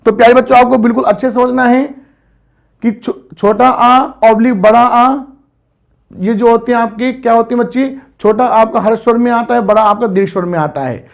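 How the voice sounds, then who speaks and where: A man with a very high-pitched voice gives an exam-prep grammar lecture. He works through examples step by step and keeps turning to his students with questions. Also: fairly even intonation, normal speed, creaky. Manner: explains step by step, keeps addressing students as children. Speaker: teacher.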